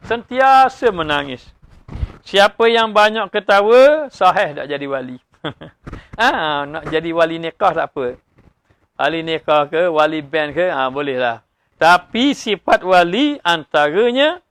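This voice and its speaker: A man with a Malaysian Malay accent giving a sermon-style religious lecture, lively and joking, with frequent "ah" fillers and sudden rises in pitch. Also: dry recording. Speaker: religious teacher.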